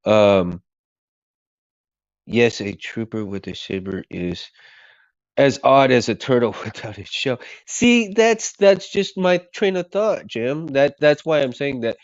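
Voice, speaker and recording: Thanking his viewers over and over in a rambling way, a casual livestream host sounds hoarse, coughs, and is losing his voice. His voice is on the low side, with no room sound and a muffled recording.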